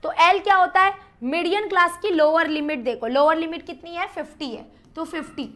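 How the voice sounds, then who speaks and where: Female math tutor, bright high voice, quick classroom delivery, drops in English terms. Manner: brisk, counts aloud and quizzes the class; mixes English terms into her talk. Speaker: math teacher. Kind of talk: whiteboard math lesson.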